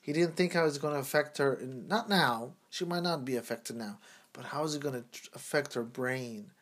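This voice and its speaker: A man's voice: medium pitch, normal speed, a bit bright. A man in his thirties co-hosting a casual talk show, speaking in an earnest, preachy, emphatic way. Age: 30s. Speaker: podcast co-host.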